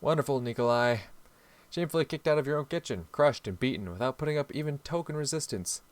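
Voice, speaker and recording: A man's voice: mid-range voice, fast talker, no room sound, lightly acted. A man reading the lines of a self-pitying young male lover from a visual novel in a plain voice. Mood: sulky.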